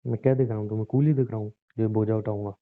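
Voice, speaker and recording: A man's voice: lowish voice, fairly even intonation, rapid-fire, dry recording. A young man in a scripted comedic skit, playing an exasperated husband who grumbles and teases. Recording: tinny phone-call audio.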